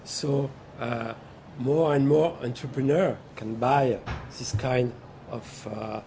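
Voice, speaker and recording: A man speaking as a guest on a conference panel, halting often as he searches for words. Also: mid-range voice, steady tone, warm tone, a little hiss or hum. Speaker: panel guest, company executive. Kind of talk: panel discussion. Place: conference exhibition stand.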